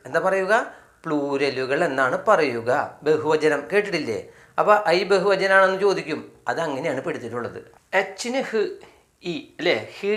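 A teacher explaining English words step by step in a spoken lesson, with a Malayali accent, slowly repeating each item and asking questions he answers himself. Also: mid-range voice, a bit bright. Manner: slow, repetitive, asks questions and answers them himself. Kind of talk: spoken phonics lesson for beginners.

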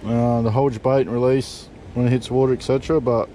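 A middle-aged Australian man talks through a fishing rig in a relaxed, mellow voice, dropping casual swear words as he goes. He is recorded on a body camera at the back of a parked vehicle, with a faint hum behind him. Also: mid-range voice, a little fast. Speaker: fishing vlogger. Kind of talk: casual how-to chat. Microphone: point-of-view body camera.

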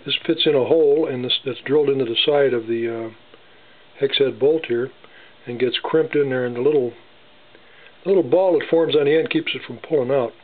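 A man in his workshop casually showing how he welds small wire parts, talking haltingly with many fillers and restarts. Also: mid-range voice. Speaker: gunsmith demonstrating welding. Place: home workshop bench. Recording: tinny, lo-fi with faint hiss.

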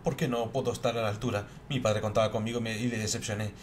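A man's voice: fairly low pitch, fairly even intonation, quick pace, natural voice. Guy reading as a self-hating young boy, bitter and harsh on himself, faint hiss. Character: self-loathing boy striving for his father. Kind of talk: reading game text aloud.

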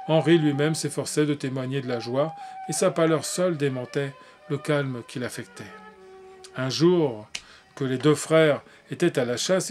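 A man narrating a classic tale in a measured way, with occasional slips and restarts. Faint music plays behind him. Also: fairly high pitch, a little mellow. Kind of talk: reading a classic tale aloud.

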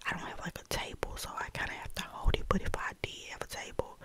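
An American woman whispers a casual ASMR vlog in a soft, breathy voice right in the ear, chatting unhurriedly close to the mic. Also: fast talker. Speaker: vlogger. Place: bedroom, indoors. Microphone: small desktop condenser mic held close.

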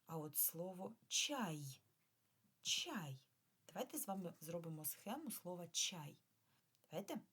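A woman teacher giving a remote lesson to first graders, drawing out sounds slowly and patiently asking the children questions. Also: on the low side, very animated, a bit bright. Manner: slow, clear, drawn-out sounds for children. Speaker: primary school teacher.

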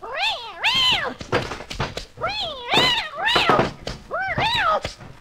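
Daffy Duck, sly boastful cartoon duck. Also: male voice, very high-pitched, wildly swooping pitch, background noise, full character voice. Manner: sly, fast-talking, pleased with himself. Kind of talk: children's story record acting. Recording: music playing behind.

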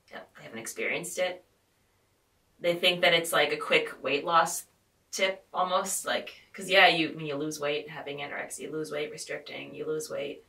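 A woman's voice: sits low, bright, forceful tone. A woman hosting a casual podcast chat, rambling with lots of fillers and "like". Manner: rambling, filler-heavy, frequent "like". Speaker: podcast host. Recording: roomy, distant mic.

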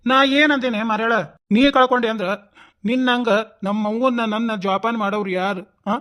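A man's voice: very high-pitched, fairly even intonation, bright, forceful tone. A man voicing a coaxing, talkative village headman in a cartoon, with a North Karnataka Kannada accent. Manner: fast, coaxing, reassuring. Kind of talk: cartoon voice acting.

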